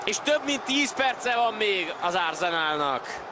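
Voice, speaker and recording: A Hungarian man giving excited live football commentary, ready to break into shouts at key moments. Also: high-pitched, crowd noise, background noise.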